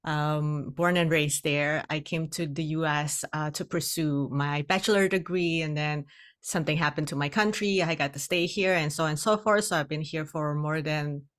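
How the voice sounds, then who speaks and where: Low-pitched and steady at a normal speed, this middle-aged woman from Indonesia is a guest on a podcast, joining by video call from indoors at home. A hypnotherapist and coach, she shares her story frankly on a podcast mic, frequently laughing between phrases.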